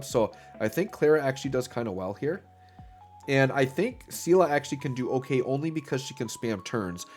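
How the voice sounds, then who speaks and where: A man with a mid-range, darkish voice hosts a gaming channel, talking casually while he plays. He's upbeat but a little stuffy from illness, filling his talk with "um" and "right?"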